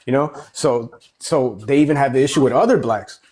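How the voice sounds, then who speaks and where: A man hosting a live online panel discussion, talking quickly and emphatically and repeating phrases for stress. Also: mid-range voice, a little mellow, breathy edge. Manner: rapid, emphatic, repeats himself.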